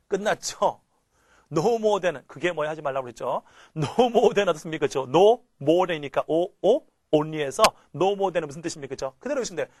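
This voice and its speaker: A man's voice: a little high, a little mellow. A man teaching English grammar in a recorded lecture, asking rhetorical questions and chanting phrases for his students to memorize. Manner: keeps asking rhetorical questions and tags "그렇죠?"; drills phrases by chanting them.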